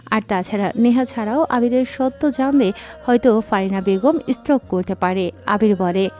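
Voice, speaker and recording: A woman narrating a dramatic story in a scripted, expressive reading. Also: mid-range voice, normal speed. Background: faint background music.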